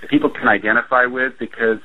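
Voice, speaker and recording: A man in his forties, a keyboardist, speaking slowly and reflectively as a radio interview guest. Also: medium pitch, level tone. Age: 40s. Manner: slow, halting, reflective. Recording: tinny phone line.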